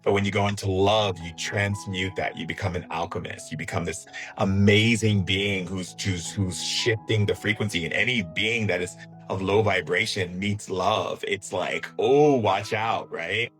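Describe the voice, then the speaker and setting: A man hosting a live spiritual coaching session in a conversational way, often checking in with a quick "right?". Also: low-pitched, fairly even intonation, fairly bright tone, soft background music. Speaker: host, spiritual healer.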